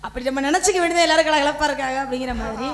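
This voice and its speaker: A woman's voice: high voice, very fast, a crowd in the background. A woman in a village stage comedy, bantering and scolding, with mock-formal announcements.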